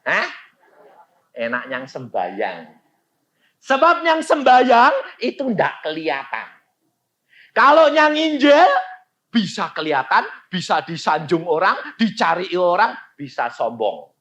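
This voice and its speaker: Man, pastor's sermon, loud calls and hushed asides, dull lo-fi recording. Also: a little high, huge pitch swings, measured pace. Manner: dramatic storytelling, swinging from loud calls to quiet asides.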